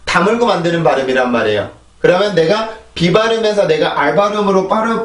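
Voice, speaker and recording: A fairly high-voiced man whose first language is Korean teaches English pronunciation, explaining each point patiently. He repeats the drill words slowly, again and again. The sound is roomy and echoey, with his voice set a little back from the microphone. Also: distant mic. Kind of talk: casual spoken lesson. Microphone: desk microphone, phone camera.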